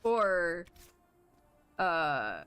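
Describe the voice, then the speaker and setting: A young woman streaming a game, chatting casually, giggling, swearing a lot and getting excitable. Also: on the low side, very slow, clean tone, faint music behind. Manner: giggly, excitable and profane, with frequent filler words. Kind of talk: casual gameplay commentary.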